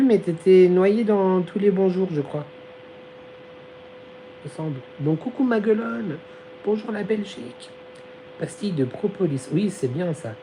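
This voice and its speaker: A man chats on a live stream through his phone, his voice mellow and dark and starting to fail. He talks in a giggly, slangy way, with a fan humming faintly behind. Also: high voice, a little hiss or hum, rough recording. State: losing his voice. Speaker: live-stream host reading chat. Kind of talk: casual live chat.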